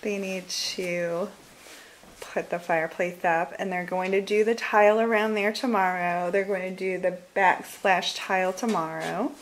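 A woman in her forties with a Michigan accent casually films a tour of her house, moving from room to room indoors, laughing often and trailing off mid-thought. Her voice is lowish and steady, her pace measured. The vlog's audio is poor, with slight background noise.

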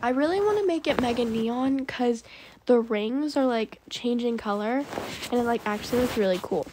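A woman's voice: a little high, animated, moderate pace, background noise. A young woman hosting a gaming channel, chatting casually about her game pets and often saying "like" and "um". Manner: chatty, says "like" and "um" a lot.

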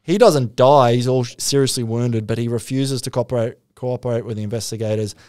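An Australian man rambles through a crime tale on a podcast, swearing freely and slipping into voices for the people he quotes. His voice is smooth and clear, and the sound is close and dry. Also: medium pitch, brisk, a little mellow, no room sound. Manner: rambling, profane, acts out quotes. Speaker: podcast co-host. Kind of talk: casual storytelling chat.

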